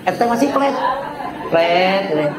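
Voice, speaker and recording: A man preaching with a Sundanese accent in a casual sermon, swinging his pitch high and low for effect and slipping into dialect. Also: animated, slow pace, a loud crowd. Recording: live talk with ambient noise.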